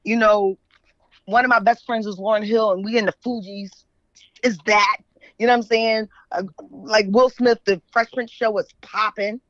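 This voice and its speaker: An American author and journalist appears as an interview guest, casual and opinionated, constantly checking in with tags like "right?" and "you know what I'm saying." Her mid-range voice is steady and fairly bright at a moderate pace, with dull audio and no echo.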